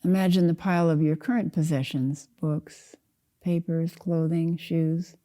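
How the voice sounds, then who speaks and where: Leading a guided meditation, an older woman who teaches Zen speaks calmly in a low, dark voice with very soft edges. She takes her time, laying out brief phrases one by one in a measured way.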